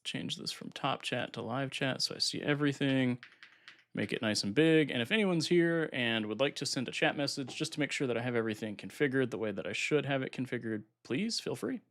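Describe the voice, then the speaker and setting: A man at medium pitch, talking a little fast, hosts a casual live stream and thinks aloud in a relaxed way while setting up software on his computer. His voice is a bit nasal and slightly congested, since he's recovering from being ill.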